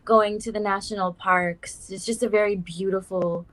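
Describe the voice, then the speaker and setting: Mid-range and steady at a normal pace, a young adult woman from South Africa chats as a guest musician in a casual interview. She's talkative, using many warm fillers such as "like" and "um."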